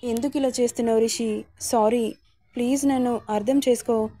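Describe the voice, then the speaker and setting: A woman voicing an apologetic young wife who speaks softly and pleads, in a dry recording. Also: on the high side, fairly even intonation, moderate pace, no room sound, natural voice. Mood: pleading. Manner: soft, pleading.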